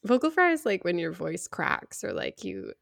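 A young adult woman with vocal fry, chatting casually as a podcast co-host in a wry, self-deprecating way. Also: lowish voice, very animated, normal speed, fairly bright tone, a little hiss or hum.

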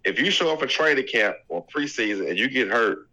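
A man with a congested voice co-hosting a casual sports debate podcast, measured and pausing to find his words. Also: mid-range voice, expressive, sharp tone, low-quality recording. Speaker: podcast co-host.

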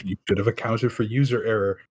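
A man with a lowish voice plays in a tabletop role-playing game. He explains his character's plans casually, dropping quick jokes along the way. His delivery is relaxed and chatty. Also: breathy edge. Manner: joking, quick asides. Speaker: player.

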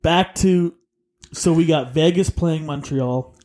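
A young man with a slightly raised pitch, chatting loosely on a sports podcast. He swears freely and laughs easily, and he sounds keyed up about the game. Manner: excitable, swearing, quick to laugh. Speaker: podcast co-host. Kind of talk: casual sports podcast chat.

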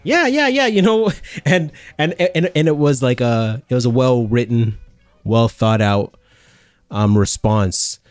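A man co-hosting a casual podcast, talking in a halting way with many fillers and restarts. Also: mid-range voice, animated, clear, resonant tone, no echo, soft background music. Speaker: podcast co-host.

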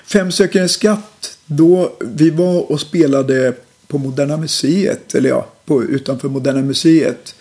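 A middle-aged man, a musician, calmly telling stories about his old band in a casual interview, with lots of hesitations. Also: a little high, few pauses. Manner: relaxed, reflective storytelling with many fillers. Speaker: musician guest.

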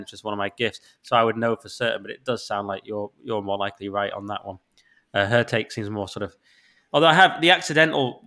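A man co-hosting a podcast, chatting in a quick, mocking, sarcastic way. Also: fairly low pitch, pushed and bright. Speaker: podcast co-host. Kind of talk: casual political chat.

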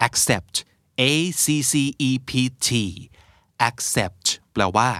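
A man's voice: mid-range voice, very slow, sharp tone, no room sound, studio quality. A young adult man hosting a casual vocabulary lesson, chatting through explanations and spelling words out letter by letter. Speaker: English teacher and host.

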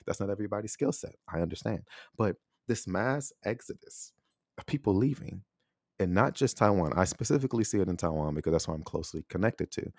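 A low-pitched American man speaking alone into his podcast mic. He muses aloud in a loose, reflective way, tossing in "right?" to keep listeners with him. The sound is dry and close, with almost no room around it. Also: darkish tone, no echo. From United States. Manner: reflective, conversational, frequent rhetorical "right?". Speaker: podcast host. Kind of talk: solo podcast monologue.

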